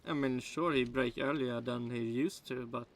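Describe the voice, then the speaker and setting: A man's voice: mid-range voice, fairly even intonation, normal speed, a little hiss or hum. A man from Sweden with a Swedish accent, a native Swedish speaker, rambling in casual reaction commentary with broken English and many restarts. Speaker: streamer reacting to a video.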